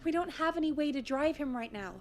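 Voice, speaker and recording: An actress voicing a brisk, practical radio station producer. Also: female voice, high-pitched, slight background noise, lightly acted. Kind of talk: video game voice acting.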